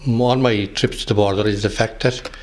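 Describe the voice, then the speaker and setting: A man in his late sixties speaks with a west of Ireland accent in a fairly low voice. He is being interviewed about his past and answers haltingly, repeating words as he searches for the next one. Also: steady tone, darkish tone. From Galway, west of Ireland. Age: 60s. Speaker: interviewee, retired police officer. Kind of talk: recollection in an interview.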